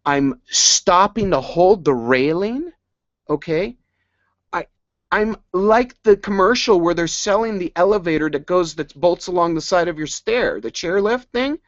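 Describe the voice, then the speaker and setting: A man telling a personal story in an animated presentation, excitable and rambling, often laughing and breaking off mid-sentence. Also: sits high, measured pace, dry recording. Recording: dry, slightly dull sound.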